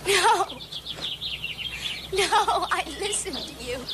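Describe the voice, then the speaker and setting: A woman's voice: extremely high pitch, expressive, drawn-out words, heavy background noise, heavily acted. A woman acting as a sick, delusional young daughter in a 1960s TV western, tense, bitter and threatening. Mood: menacing. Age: young adult. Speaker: actor in a TV western. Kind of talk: 1960s television western melodrama.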